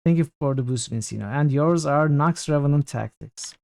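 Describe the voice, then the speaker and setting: A man's voice: on the high side, moderate pace, gravelly, a little mellow, no room sound. A man doing casual live game commentary, thinking aloud and putting questions to his chat. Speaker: game streamer.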